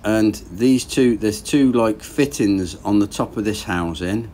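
Speaking at a measured pace in a fairly low voice, this man in his thirties walks through his engine rebuild while working in a garage. He's a boat engine vlogger with a relaxed, plain-spoken style, musing aloud as he works.

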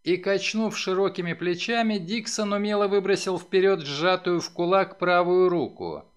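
A man narrating a novel as an audiobook, in a dramatic, expressive reading. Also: high voice, moderate pace, clear, resonant tone. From Ukraine. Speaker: audiobook reader.

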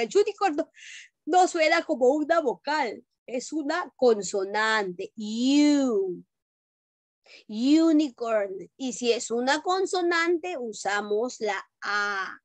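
A woman's voice: high voice, no room sound. A woman teaching English to young children in an online class, patiently repeating herself and asking if they understand. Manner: patient, repetitive, checks understanding with questions; calls children pet names. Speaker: primary school English teacher.

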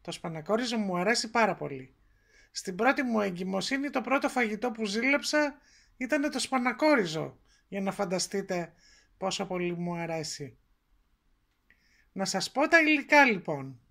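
A woman's voice: medium pitch, expressive, vocal fry, fairly bright tone. A woman presenting a home recipe in a kitchen, explaining each step in a homely, chatty way. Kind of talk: cooking tutorial narration.

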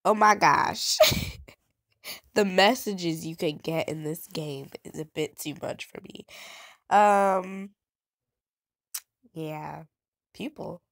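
Nasal young woman, slow gravelly drawl. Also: sits low, no echo, clean studio sound. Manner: chatty, laughing, reads game text aloud. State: stuffy, nasal voice. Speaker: let's play gamer. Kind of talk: casual game commentary.

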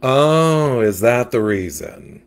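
A man's voice: mid-range voice, lively intonation, takes it slowly, voice pushed up. A man voicing a sassy, gossipy male catfish who dramatically gives life advice in a storybook. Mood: sassy advising.

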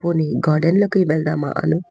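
A woman's voice: sits low, fairly even intonation, fast, vocal fry, husky, no room sound, full character voice. A woman voicing an anxious, protective young mother in an audio story. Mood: worried. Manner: anxious, defensive. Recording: dull lo-fi recording.

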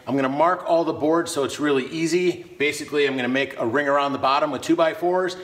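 A man's voice: on the high side, fast talker, fairly bright tone. A man in his thirties filming himself on a handheld camera in a big metal barn, chatting casually and joking about his own skills as he builds things, hot and sweaty. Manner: chatty, self-deprecating, working while talking. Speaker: homestead vlogger. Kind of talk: casual DIY vlog. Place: large metal barn, indoors. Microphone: camera at arm's length.

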